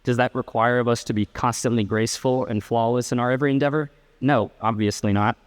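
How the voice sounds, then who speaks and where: A teenage boy, chair of a student honor council, giving a measured, slightly formal and reflective prepared speech at a school ceremony. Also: mid-range voice, steady tone. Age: late teens.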